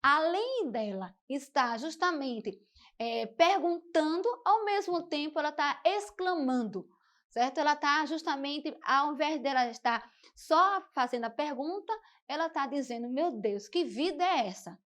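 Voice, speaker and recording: A woman's voice: high-pitched, unhurried, fairly bright tone. A woman teacher giving a televised school lesson, explaining step by step and often saying "então" and "né". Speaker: Portuguese teacher.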